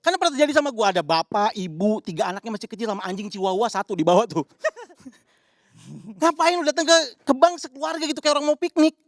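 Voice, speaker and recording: A high-pitched man delivers a punchy stand-up set. He acts out the characters in his story. The sound is dry and close to the mic. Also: very animated, fast, dry recording. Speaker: stand-up comedian.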